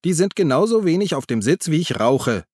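Guy doing a loud cheeky passenger, raised pitch, snappy and defiant, dry sound. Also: animated, moderate pace, no room sound, natural voice. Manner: snappy, provocative.

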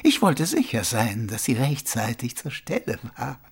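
A man voicing a calm, wry old monk sweeper who speaks slowly and soothingly, in an audiobook character voice. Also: mid-range voice, breathy edge, full character voice. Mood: calm, amused. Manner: slow, gently amused, soothing.

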